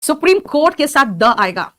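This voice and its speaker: A woman's voice: high-pitched, sing-song, normal speed, sharp tone. A woman with an Indian accent teaching a spoken English class, patiently coaxing and quizzing her students.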